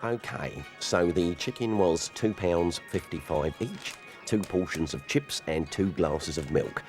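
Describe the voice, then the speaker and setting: A man's voice: low-pitched, animated, measured pace, faint music behind. A man voicing a placid, easily amused working man in a cartoon, plodding and matter-of-fact. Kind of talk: animated comedy voice acting.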